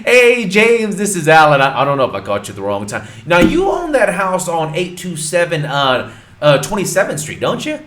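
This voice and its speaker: A man's voice: on the high side, big pitch swings, pitched above the performer's own voice. A man acting out an upbeat male cold caller running through a phone sales script. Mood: cheery. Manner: cheery, eager, fast phone patter. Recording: roomy echo.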